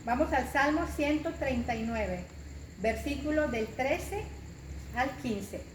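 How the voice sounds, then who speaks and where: Taking her time, a Mexican woman preaches a forceful sermon in a church hall, using repeated phrases to underline her points. Her high voice is expressive, and the room sounds echoey with some background noise.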